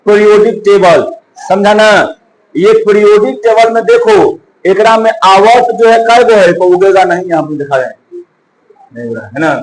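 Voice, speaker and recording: A man's voice: high-pitched, normal speed, a little hiss or hum, low-quality recording. A male coaching teacher, giving a chemistry lesson, asking and answering his own questions and counting aloud.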